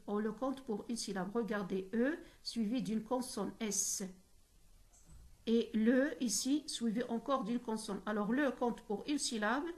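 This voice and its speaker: A woman teaching a poetry lesson, explaining syllables and rhymes and sounding out each one deliberately. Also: fairly high pitch. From Morocco.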